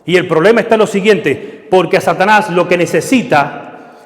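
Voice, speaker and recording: A man's voice: sits high, normal speed. A man preaching a sermon, emphatic, asking questions of the congregation and answering them himself. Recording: echoey hall.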